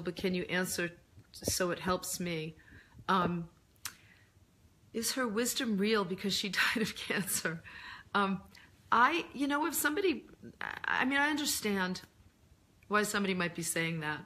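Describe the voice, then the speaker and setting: A middle-aged woman whose laryngitis leaves her voice hoarse and lower than normal hosts a relaxed live chat. She responds to readers' comments gently and thoughtfully, pausing often and saying "um" a lot.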